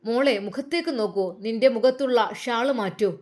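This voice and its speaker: A motherly older woman soothes and coaxes with gentle reassurance, as a woman storyteller plays her. Her voice sits fairly high and she keeps repeating endearments. It is a spoken Islamic story told by one narrator. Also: a little fast, close to an everyday voice. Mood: coaxing. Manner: warm coaxing, repeats endearments.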